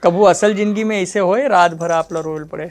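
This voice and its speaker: A man's voice: sits high, normal speed, soft background music. Chhattisgarhi man asking interview questions. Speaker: podcast host, interviewer.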